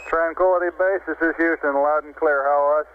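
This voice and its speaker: A man at mission control speaking over a two-way radio link in brisk, clipped procedural phrasing. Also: on the high side, fairly even intonation. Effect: voice carried over a two-way radio link. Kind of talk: radio communication. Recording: tinny radio transmission with faint static.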